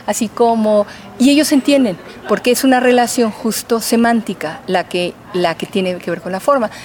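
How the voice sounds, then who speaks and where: A woman's voice: on the high side, moderate pace, darkish tone, slight background noise. A woman professor, answering interview questions in a patient, teacherly way with many fillers. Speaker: linguistics professor.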